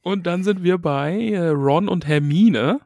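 Chatty higher-voiced man, dry sound. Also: unhurried, darkish tone, no echo. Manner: chatty, reads passages aloud with laughs. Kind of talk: casual book-discussion chat.

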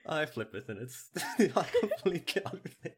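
Husky-voiced man running a tabletop game, casual, laughs along. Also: fairly high pitch, wildly swooping pitch, normal speed. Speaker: game master.

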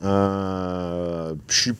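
A man on a discussion panel, giving measured opinions with many hesitant fillers. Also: low voice, flat delivery, a bit bright, smooth. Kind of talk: casual panel chat.

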